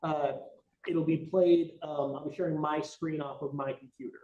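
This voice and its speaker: A male prosecutor addressing a judge in a formal, deferential and halting manner during a court hearing. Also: on the high side, fairly even intonation, dark tone, highs cut off.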